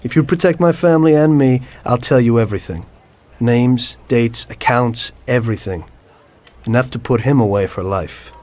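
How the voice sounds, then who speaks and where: Voicing a calm, unrepentant mafioso who once drove a cab, an actor tells a detective his story in a game cutscene as an informant looking back on his past. His storytelling is matter-of-fact. The voice is medium-pitched at normal speed and close to how he'd normally talk.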